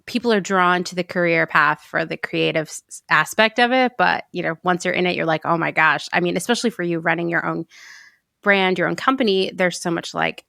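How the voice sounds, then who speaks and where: A podcast host with a low, gravelly woman's voice, recorded dry and close. She laughs easily and strings her questions together casually with lots of "like". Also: a little fast, bright, forceful tone, dry recording. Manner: friendly, laughs often, asks loose rambling questions. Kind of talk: casual conversational interview.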